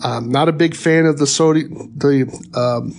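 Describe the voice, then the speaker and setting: Man, middle-aged, pest control trainer, podcast lesson, chatty, wry, fillers and restarts, somewhat high pitch. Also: a little slow, creaky, darkish tone. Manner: conversational, wry asides, frequent fillers and restarts. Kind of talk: instructional podcast talk.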